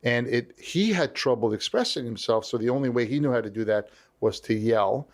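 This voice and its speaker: A man talking as an interview guest, with an animated storytelling manner. He acts out the voices of people he quotes, and his pitch moves around a lot as he explains his points. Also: a little fast. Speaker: leadership strategist guest. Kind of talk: conversational interview.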